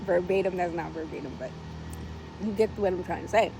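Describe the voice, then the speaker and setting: A woman retelling a book's plot in a casual, animated and profane way, full of slang. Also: on the low side, fairly quick, gravelly, background noise. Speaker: vlogger retelling a book. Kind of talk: casual storytelling.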